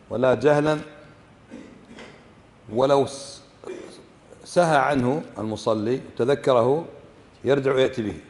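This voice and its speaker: With a big-room sound around his mid-range voice, a sheikh speaking in a Kuwaiti Arabic accent teaches fiqh by explaining a book. He keeps questioning his students and demonstrating how words should be said.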